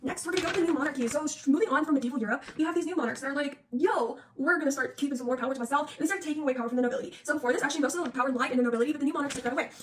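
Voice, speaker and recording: A young woman talks through her exam notes in a casual, slangy ramble, restarting words and sliding between topics. Her voice is high and very fast. She sits a little back from the phone, with faint hiss and clicks behind her. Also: far from the mic. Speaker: student reviewing for an exam. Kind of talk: casual study-review monologue. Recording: faint noise and clicks, voice off-mic.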